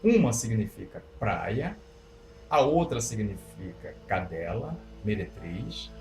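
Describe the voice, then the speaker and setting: A man's voice: fairly low pitch, big pitch swings, slow, a little mellow. A Brazilian man teaching English vowel sounds, explaining patiently and repeating each example word several times. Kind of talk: pronunciation lesson. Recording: echoey room with faint music.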